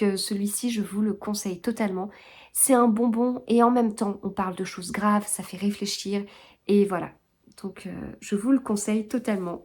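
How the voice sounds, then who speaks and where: A book vlogger chats casually about books, rambling and correcting herself along the way. Her voice is mid-range and a little mellow.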